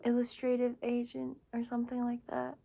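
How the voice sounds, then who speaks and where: A woman chatting casually and softly in an ASMR style about things, rambling and hesitant, in an informal way. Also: fairly high pitch, completely flat delivery, moderate pace, gravelly. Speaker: ASMR book reviewer. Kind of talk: soft casual ASMR chat. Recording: noisy, with clicking and shuffling handling sounds. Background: tapping and scratching on books.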